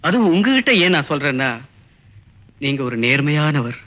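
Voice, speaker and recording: A man's voice: on the high side, very animated, normal speed. An actor playing a dignified young college student who pleads his innocence in earnest, respectful speech. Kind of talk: 1980s film acting. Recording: dull old film soundtrack with music.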